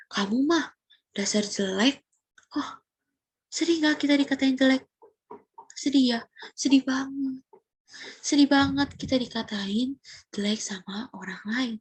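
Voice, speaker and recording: A young woman teaching Sunday school tells children a Bible story, animated, posing questions and sometimes dropping to a whisper. Her voice is fairly high with a breathy edge, and there's no room sound.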